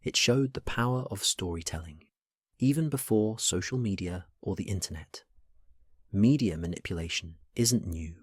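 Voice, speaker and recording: A man's voice: sits low, normal speed, slightly rough, dry recording, studio quality. A man narrating a documentary in a dramatic, scripted style. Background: music.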